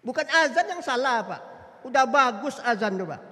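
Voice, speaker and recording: A man's voice: very high voice, expressive, normal speed, pushed and bright. A man preaching a Ramadan dawn sermon in a mosque, addressing listeners as "Pak" and chanting Arabic prayer phrases. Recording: long hall reverb.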